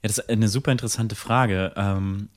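A woman co-hosting a casual podcast chat in relaxed, playful banter. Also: a bass voice, normal speed. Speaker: podcast co-host.

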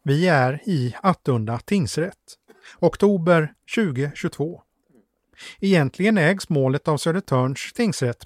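A man giving calm, measured, scripted narration as a documentary narrator. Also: on the high side, no echo, studio quality.

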